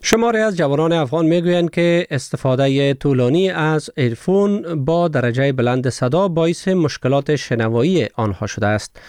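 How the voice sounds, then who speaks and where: A man with an Afghan Dari accent presenting scripted radio news in a formal, measured manner. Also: mid-range voice, darkish tone, clean tone, no echo, studio quality.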